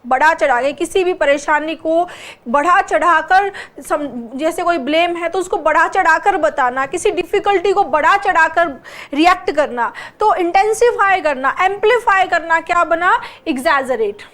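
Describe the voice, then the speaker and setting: A woman's voice: extremely high pitch, moderate pace, fairly bright tone. A woman teaching an exam-prep English class. She explains patiently, spells words out letter by letter, and keeps checking with rhetorical questions.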